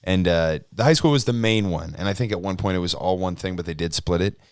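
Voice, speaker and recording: Young guy cohosting a podcast, low voice, chill, says dude a lot, dead dry mic. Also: fast, clear, resonant tone, no echo. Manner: laid-back, laughs often, says dude a lot. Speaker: podcast co-host. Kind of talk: casual chat.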